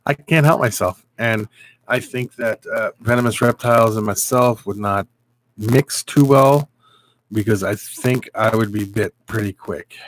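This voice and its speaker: A man's voice: fairly low pitch, steady tone, moderate pace, a bit bright, no room sound. A man casually hosting a live stream, rambling and chatting with viewers by name.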